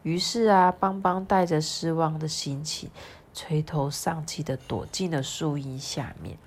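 A woman's voice: low voice, a little slow, breathy edge. Chatty woman reading a storybook. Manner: chatty, lively, adds asides. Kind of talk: reading a picture book aloud to a child.

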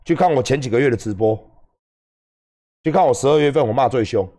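A man with a Taiwanese accent hosting a livestream, ranting and swearing loudly, switching between mocking shouts and low muttered asides. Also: a little fast. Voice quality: loud, swings between yelling and muttering. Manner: shouting profanity, mocking impressions. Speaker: livestream host, gym owner. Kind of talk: angry livestream rant.

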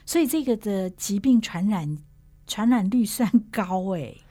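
A woman with a Taiwanese Mandarin accent hosting a podcast interview, asking curious questions and reacting with lively agreement. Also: mid-range voice, measured pace. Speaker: podcast host.

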